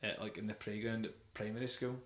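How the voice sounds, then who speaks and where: Talking fast in a fairly low voice with fairly even intonation, a young podcast host rambles eagerly about music. Fillers crowd his casual chat, and the room sounds echoey.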